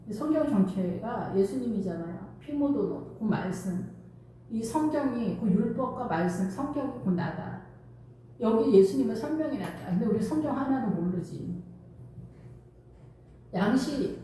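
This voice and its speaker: A middle-aged woman pastor preaching a sermon, animated, acting out the worried voices of church members. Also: a little high, a little slow, a little hiss or hum. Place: church sanctuary. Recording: distant, very echoey hall recording.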